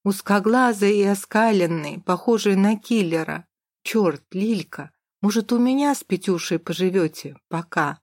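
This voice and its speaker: A woman's voice: medium pitch, a little mellow, no echo, studio quality, natural voice. A woman reading a brash panicky woman boss. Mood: frightened. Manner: hissing hurried whisper, coarse.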